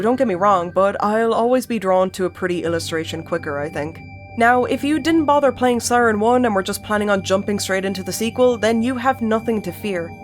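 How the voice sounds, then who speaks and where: A woman hosting a game video essay in a chatty, casual way, swearing and laughing often. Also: mid-range voice.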